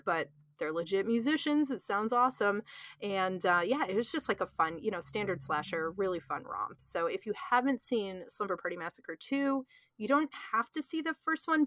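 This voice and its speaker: A woman co-hosting a podcast, talking in a chatty, gushing way with many fillers. Her voice sits mid-pitch and is recorded close and dry, with almost no room sound. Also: a bit bright, no room sound. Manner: enthusiastic, chatty, filler-heavy. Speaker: podcast co-host. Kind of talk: casual chat.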